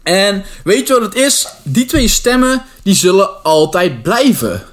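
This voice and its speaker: A man's voice: high voice, very animated, measured pace. A young man with a Dutch accent, hosting an unscripted solo podcast as an online personal trainer, talking casually with slang and English phrases mixed in.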